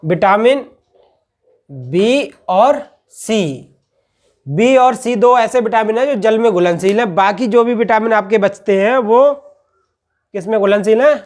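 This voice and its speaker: A man's voice: sits high, measured pace, long pauses, darkish tone. A man teaching a class, who poses questions, answers them himself and keeps checking in with "okay" after each point. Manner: patient, repetitive explaining. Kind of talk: classroom-style lecture.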